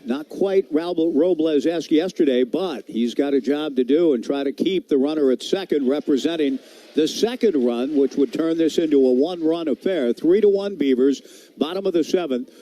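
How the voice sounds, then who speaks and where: With a slightly high, warm voice, an American announcer delivers expressive radio play-by-play of a baseball game at a steady pace. Sounds of the ballpark surround him, and the live feed has clear background noise.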